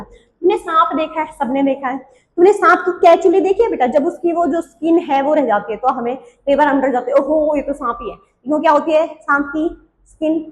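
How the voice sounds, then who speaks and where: A woman biology teacher with a Hindi accent, quizzing students with quick questions she answers herself and teaching with playful memory tricks. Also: high-pitched, a little mellow, reverberant, slight background noise. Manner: uses playful memory tricks and little stories. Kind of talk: exam-prep biology lesson.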